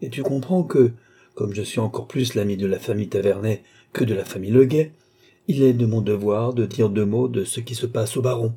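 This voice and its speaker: In an audiobook, a male reader takes on a worldly old duke and marshal who is sly and teasing. His very dark, mellow voice has a husky grain, sits fairly low and moves briskly, with a mocking, knowing edge and light threats beneath the teasing.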